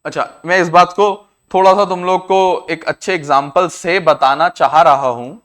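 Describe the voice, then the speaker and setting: A man with an Indian accent teaching a maths class, explaining each step slowly and repeating himself. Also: on the high side, fairly even intonation, a bit bright. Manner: repetitive, explains step by step, often says "I said". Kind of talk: classroom lecture to students.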